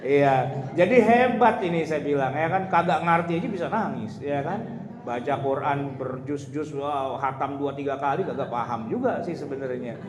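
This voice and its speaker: A joking Islamic preacher gives an informal religious lecture in a slightly high male voice at a moderate pace. He is humorous and chatty, laughs often, and speaks directly to the audience, with a crowd audible in an echoey hall full of loud ambient noise.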